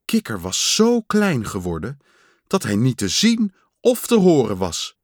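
A man reading a children's story aloud in a slow, lively storytelling manner. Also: mid-range voice, dry recording, clean studio sound. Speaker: storybook reader.

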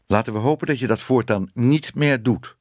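A man's voice: medium pitch, moderate pace, a little mellow, no room sound, clean studio sound, pitched above the performer's own voice, lightly acted. A man reading a storybook, voicing a stern but fair newspaper editor who lectures firmly. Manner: firm, lecturing, then kindly.

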